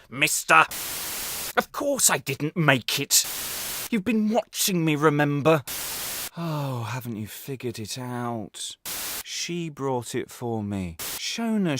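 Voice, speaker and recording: In a radio play monologue, an actor voices a bitter, vengeful former prisoner, delivering his menace in a deliberate, theatrical way. His mid-range voice swings between hushed and agitated tones. There is no room sound.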